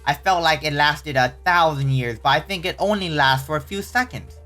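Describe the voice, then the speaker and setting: A casual host reads online horror stories aloud, often stumbling and correcting the wording, with startled exclamations in between. The voice is mid-range and sharp at a normal speed, with faint music in the background.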